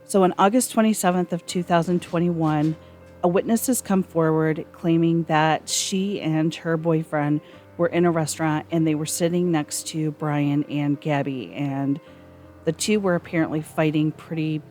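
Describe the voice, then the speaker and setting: A woman with a notably low voice walks through a case in a calm, conversational way. She pauses on an occasional filler as she goes. Soft music plays faintly underneath. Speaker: true crime commentator. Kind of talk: casual recap commentary.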